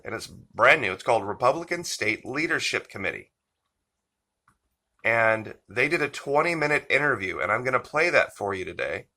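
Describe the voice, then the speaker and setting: A man hosting a political commentary channel, talking slowly and emphatically as he introduces a clip. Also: mid-range voice, gravelly, pushed and bright. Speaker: channel host.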